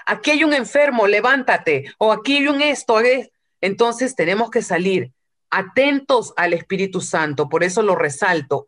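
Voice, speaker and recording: A woman preaching a sermon from Peru, retelling a story and acting out quotes, with some English phrases. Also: medium pitch.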